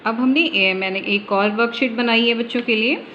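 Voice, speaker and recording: A woman teaches a phonics lesson for young children, slowly and patiently, pausing often as she works through each example. Her voice sits a little high. The recording is slightly dull, with a faint hiss behind her. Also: pushed and bright. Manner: patient, explaining step by step with many pauses.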